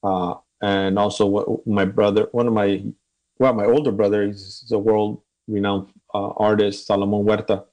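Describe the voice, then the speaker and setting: A man's voice: on the low side, little pitch movement, moderate pace, darkish tone, highs cut off. A man being interviewed, talking thoughtfully with many restarts and repeated words. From Mexican American. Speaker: interview guest, academic. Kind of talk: conversational interview.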